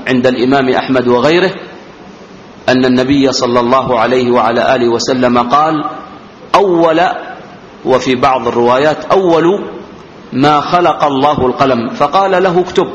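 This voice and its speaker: Measured man teaching in an echoing hall. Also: medium pitch, slight background noise. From Yemen. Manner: slow, deliberate, repeats words for students to note; raises his voice when reading the quoted text. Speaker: religious teacher. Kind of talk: classical text commentary lesson. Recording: roomy hall echo, dull lo-fi sound.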